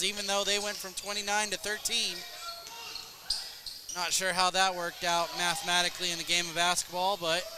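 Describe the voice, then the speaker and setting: High-voiced man calling a basketball game. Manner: brisk calls, dry joking asides. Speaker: play-by-play announcer. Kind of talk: play-by-play commentary. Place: high school gym. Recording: noisy gym broadcast. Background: gym crowd and bouncing balls.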